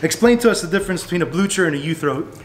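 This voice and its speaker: A man's voice: high voice, expressive, racing, slight background noise, low-quality recording. Young man hosting a shoe review. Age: young adult. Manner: guiding, recapping, casual with fillers. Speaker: host. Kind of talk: product interview. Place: bowling shoe store, indoors.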